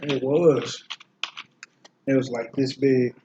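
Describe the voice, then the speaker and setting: A man with a mellow, fairly flat voice chats casually between bites, telling a story with blunt, grossed-out disgust. The audio is dull and lo-fi, like a home video. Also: medium pitch, slow pace, a little hiss or hum. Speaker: vlog co-host. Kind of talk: casual chat while eating.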